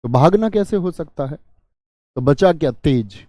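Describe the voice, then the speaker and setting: A man's voice: a little high, lively intonation, a little slow, dark tone, dry recording. A man teaching an online grammar class. He keeps asking his students questions and then answers them himself. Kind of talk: online exam-prep grammar lesson.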